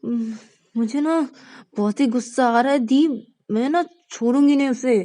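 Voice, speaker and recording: Woman doing a shrill, furious young girl. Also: unhurried, mellow, no echo. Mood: angry. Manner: shrill, indignant outbursts. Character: angry young woman, hot-tempered and vengeful.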